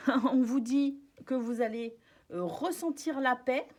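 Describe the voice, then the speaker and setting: A woman with a fairly high voice lays out tarot cards and talks her viewers through them in a casual way. She stops and restarts often and fills pauses with small hesitations. Her tone stays soft and reassuring. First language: French. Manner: chatty, hesitant, many fillers and restarts. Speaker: tarot card reader.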